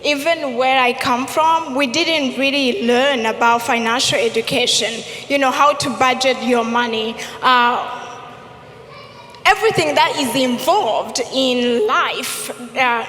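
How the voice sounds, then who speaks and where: A woman's voice: high voice, unhurried, fairly bright tone, slight background noise. A woman answering as a panelist at a live community event, hesitant with many ums. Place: event stage. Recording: echoey hall reverb.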